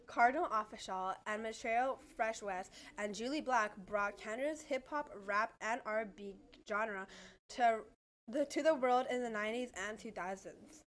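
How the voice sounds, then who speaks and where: A woman's voice: fairly high pitch, normal speed. A teenage girl reading school announcements, plainly and with occasional restarts. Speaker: student announcer.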